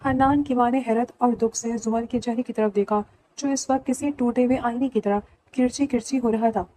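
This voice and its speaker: A woman narrating a romantic novel as an audiobook, in steady storytelling. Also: on the high side, rough recording. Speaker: novel reader.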